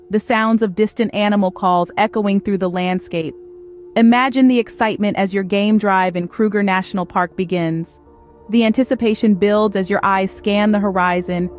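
Woman, nature documentary narrator, mid-pitched voice, scripted evocative storytelling, background music.

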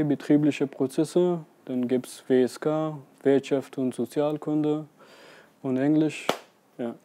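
A man's voice: mid-range voice, dark tone. A young man from Afghanistan, an IT trainee, talking plainly and carefully to the camera in an office, with frequent hesitations. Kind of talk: scripted interview to camera. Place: small office with desks and computers.

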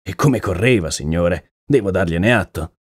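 A man's voice: sits low, animated, moderate pace, breathy edge, dry recording, studio quality, pitched below the performer's own voice. A man voicing an earnest, uneasy male horse trainer in an audiobook, talking plainly and deferentially. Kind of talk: audiobook character reading.

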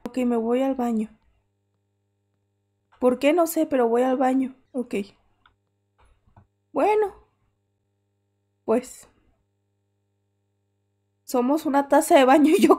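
A woman's voice: high voice, lively intonation, slow, pauses often, darkish tone. A young woman commenting on a horror game, full of jittery, scared exclamations and chatty asides. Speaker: gaming streamer.

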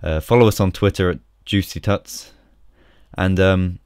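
A man casually walking through a software tutorial, chatty and relaxed, with frequent ums and small restarts. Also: low-pitched, a little slow, clean tone, dry recording, clean studio sound. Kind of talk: casual screen-recorded tutorial.

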